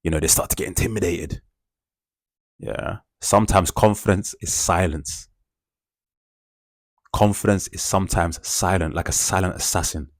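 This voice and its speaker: A man's voice: deep voice, steady tone, normal speed, pauses often, no echo, clean studio sound. A man giving an emphatic, repetitive motivational talk, filling gaps with "yeah" and "bro". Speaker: self-improvement speaker.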